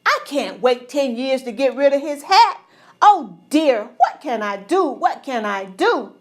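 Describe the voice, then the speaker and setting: A woman voicing a fretful, pompous old king in a read-aloud storybook, shrill and fussy. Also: very animated, a little slow.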